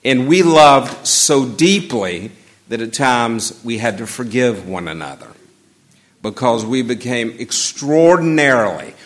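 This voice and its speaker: A pastor from Atlanta with a Southern accent giving a measured, reflective funeral sermon with gentle humor in a church. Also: male voice, medium pitch, very animated. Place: church sanctuary.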